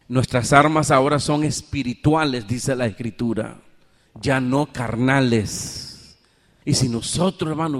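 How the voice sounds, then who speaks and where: Emphatic pastor preaching in a reverberant hall. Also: male voice, on the high side, fairly bright tone. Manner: emphatic, rhetorical questions to the congregation. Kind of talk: sermon.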